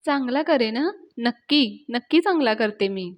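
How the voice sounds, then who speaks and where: A woman's voice: fairly high pitch, lively intonation, normal speed, close to an everyday voice. A woman retelling a story and voicing a young newlywed woman who is eager to please.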